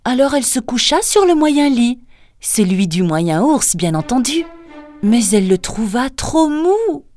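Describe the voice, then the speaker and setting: A woman reading a fairy tale aloud as a storyteller, slow and singsong. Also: a little high, very animated. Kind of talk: scripted fairy-tale narration. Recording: narration over soft music.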